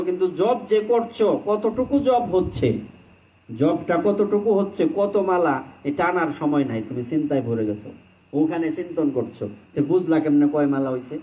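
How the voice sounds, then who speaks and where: High-voiced man giving a devotional sermon. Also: a little mellow, low-quality recording. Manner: conversational, chants mantra lines mid-talk. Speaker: Vaishnava preacher.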